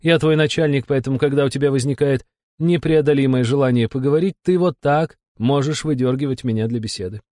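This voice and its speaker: A man voicing a weary, sarcastic female demon supervisor with a husky, irritated voice. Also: medium pitch, a little fast, a little mellow, no room sound, studio quality, voice pushed up, natural voice. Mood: irritated mocking. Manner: irritated, mocking, drawling. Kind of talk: audiobook character voice.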